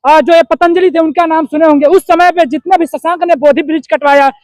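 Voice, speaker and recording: A man's voice: very high-pitched, fairly even intonation, brisk, darkish tone, no room sound. A male interviewer who keeps pressing his guest with pointed, repeated questions. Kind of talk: political interview.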